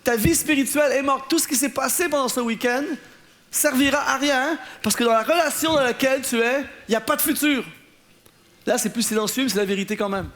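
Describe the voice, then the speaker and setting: A man's voice: very high-pitched, a little fast. A man, a pastor preaching to a live audience and acting out the people in his anecdotes. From Canada. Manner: animated storytelling, acting out the people in his stories. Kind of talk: sermon. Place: church in front of an audience, laughter heard.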